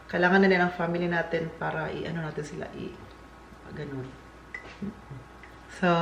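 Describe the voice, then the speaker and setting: A man's voice: high voice, vocal fry, a bit bright. A man with a Filipino accent, chatting casually and jokingly as a vlogger, with rambling asides. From Philippines. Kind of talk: casual vlog chat. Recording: echoey room, faint background hiss.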